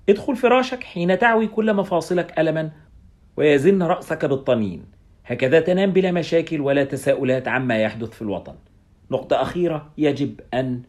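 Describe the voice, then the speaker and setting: Brisk, lively male storyteller. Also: medium pitch. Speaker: audiobook narrator. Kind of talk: scripted first-person story narration.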